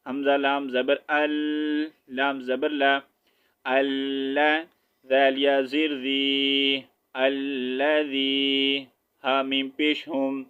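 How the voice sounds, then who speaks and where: Man slowly spelling out a recitation lesson. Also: mid-range voice, dull audio. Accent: Pakistani Urdu. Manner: patient, repeats "theek hai", drawls syllables. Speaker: Quran recitation teacher.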